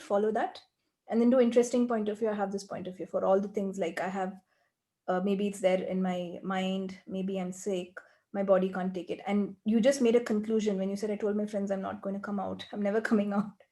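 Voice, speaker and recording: A woman leading a group coaching call, explaining earnestly and slipping into quiet, rapid repeated phrases. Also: mid-range voice.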